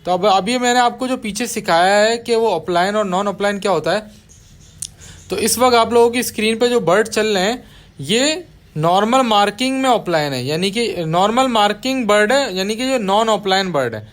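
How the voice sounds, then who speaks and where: A man with a high voice narrates a hobby tutorial over bird footage. He explains patiently and repeats the key terms so nobody gets lost. Now and then he turns to his viewers with a casual aside. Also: expressive, normal speed, fairly bright tone. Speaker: budgie breeder teaching viewers.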